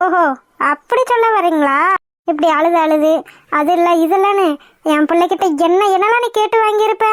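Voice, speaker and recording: Cartoon mother-in-law, scornful and taunting, a woman playing her with a very high, dry voice. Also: brisk, no echo. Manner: taunting, sneering, mocking. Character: haughty scornful middle-aged mother-in-law. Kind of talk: cartoon voice acting.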